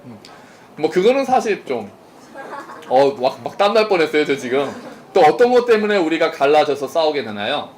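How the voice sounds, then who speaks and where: Lively-voiced pastor preaching conversationally. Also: male voice, a little high, normal speed. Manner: conversational, asks the congregation questions and jokes. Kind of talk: interactive sermon. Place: church service.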